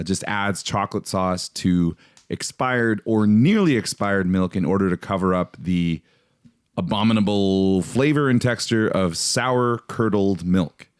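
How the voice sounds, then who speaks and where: Young male podcast host, somewhat low voice, dry close sound, playful and animated. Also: clean tone, dry recording. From Canada. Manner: animated, playful, exaggerated disgust. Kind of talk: casual chat.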